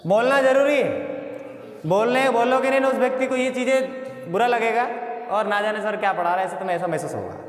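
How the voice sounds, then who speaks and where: A male biology teacher lectures in a call-and-response style, posing each question repeatedly before answering it himself. His voice is extremely high and brisk, and the echoey room gives the sound a long, roomy reverb.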